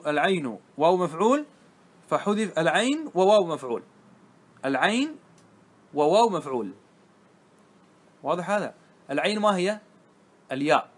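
High-pitched male teacher leading a classroom grammar lesson, patient step-by-step explanations, stretches out key words. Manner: explains step by step, often checking understanding with the class.

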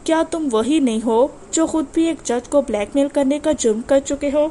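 A woman voicing a cold, arrogant wealthy man in an audiobook, speaking in a cool, cutting, measured way. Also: high voice, warm tone, slight background noise, lightly acted. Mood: menacing.

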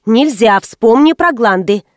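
A woman's voice: on the high side, animated, a little slow, dry recording, clean studio sound. A woman voicing a weary young mother who answers curtly, in an audiobook. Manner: weary, curt. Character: tired, snappish young mother.

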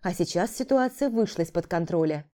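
A woman narrating a dramatic audiobook in an even, storytelling delivery. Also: fairly low pitch, a little fast. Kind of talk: scripted narration.

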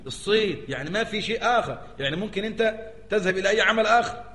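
An Egyptian sheikh lectures at a brisk clip, his slightly raised voice ringing through a large hall with a long, echoing tail. He teaches in a lively way, constantly tossing rhetorical questions back at the listeners. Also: sits high, a little hiss or hum. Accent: Egyptian Arabic. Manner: animated, keeps asking the audience rhetorical questions. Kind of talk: religious lecture. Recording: echoey hall with long reverb.

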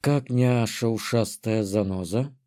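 A laid-back dark elf woman who loves her wine speaks in a low, lazy drawl, as a male audiobook narrator puts her on. The voice dips below the reader's usual tone and sounds mellow and unhurried. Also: natural voice. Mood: teasing.

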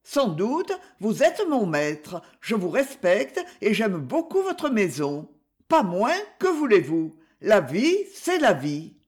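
A man's voice: high-pitched, huge pitch swings, slow pace, heavily acted. A man reading aloud and voicing a modest, cheerful young woman servant in a storybook. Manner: gentle, playful replies.

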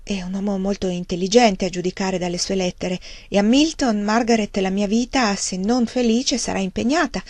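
A woman reads a grave, gentle clergyman father of middle age in a storybook reading. He speaks softly and with measured hesitation. The recording is close and dry. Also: medium pitch, dry recording, natural voice. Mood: musing. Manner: soft, hesitant, measured delivery.

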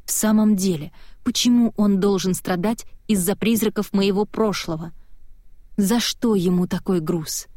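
A woman's voice: medium pitch, unhurried, warm tone, dry recording, clean studio sound. Woman narrating an audiobook. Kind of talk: first-person audiobook narration.

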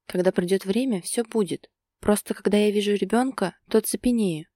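A woman voicing a calm, teasing man who soothes his partner in a gentle, soothing way. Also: mid-range voice, normal speed, no room sound, pitched above the performer's own voice, close to an everyday voice.

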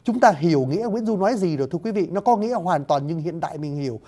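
A man's voice: high voice, expressive, quick pace, dark tone. A man giving a spoken lecture on classical poetry, explaining it word by word and often addressing his listeners politely, with hesitant fillers.

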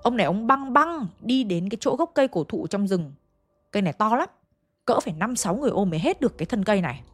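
A woman's voice: mid-range voice, very animated, fast, no echo. Woman, ghost story narrator, chatty, dry close sound, faint music behind. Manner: chatty, addresses listeners directly.

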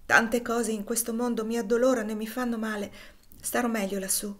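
A woman voicing a frail, gentle, fevered young girl in an audiobook reading, soft and earnest. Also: fairly high pitch, fairly even intonation, brisk, close to an everyday voice.

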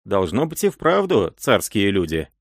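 A simple peasant with a plain, drawling way of talking, as a male reader puts him on. The voice sits higher than the reader's own, and the audiobook sound is dry and close. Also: wildly swooping pitch, moderate pace, breathy edge, dry recording, full character voice. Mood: reporting.

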